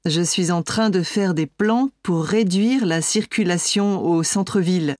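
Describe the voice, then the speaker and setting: A woman playing an architect in a scripted listening-exam interview, speaking clearly and steadily. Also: lowish voice, a little slow, darkish tone, no room sound, clean studio sound, lightly acted. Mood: calm. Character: adult woman architect, friendly and composed.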